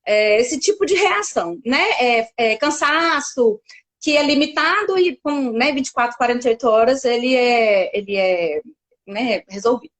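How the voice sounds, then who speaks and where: High-voiced Brazilian woman doctor explaining. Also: animated, normal speed. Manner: explains carefully, with many fillers and restarts. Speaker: pediatric doctor. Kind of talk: casual explanatory interview.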